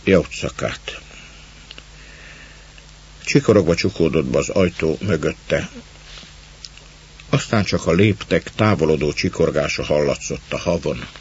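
Deep husky male audiobook narrator. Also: a little mellow. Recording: dull lo-fi recording.

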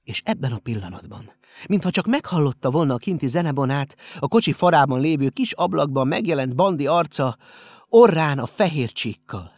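A man narrating an audiobook in a steady storytelling manner. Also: on the high side, no room sound, studio quality. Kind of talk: scripted narration.

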